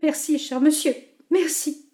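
A woman doing a young wife in a storybook, overcome with grief. Her voice climbs high and loud and keeps cracking with distress. Every line sounds close to tears. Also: steady tone, measured pace. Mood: grieving. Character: young grieving wife, frantic and tearful.

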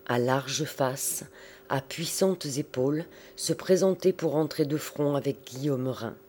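Guy reading a classic novel aloud, measured and expressive, lots of pauses. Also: mid-range voice, slightly rough. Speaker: audiobook narrator. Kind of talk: scripted narration of a classic novel.

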